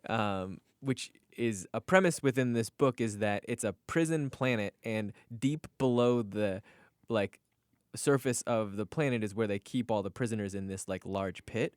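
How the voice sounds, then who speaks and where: A man's voice: fairly low pitch, normal speed, a little mellow, clear, resonant tone, dry recording, studio quality. A man co-hosting a comic book podcast, chatting loosely with lots of laughs and swearing. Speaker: podcast co-host. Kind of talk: casual chat.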